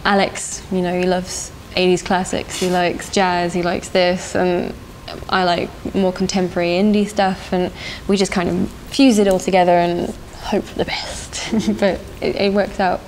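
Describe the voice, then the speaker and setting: Fairly low in pitch and a little mellow, the young South African singer speaks at a moderate pace with hardly any pauses and little pitch movement. In this interview she is thoughtful and hesitant, often laughing, and the rough recording carries faint background noise.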